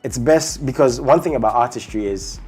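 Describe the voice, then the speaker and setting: Husky male interview host. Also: mid-range voice, normal speed, a little mellow. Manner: chatty, with many fillers and leading questions. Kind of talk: casual interview.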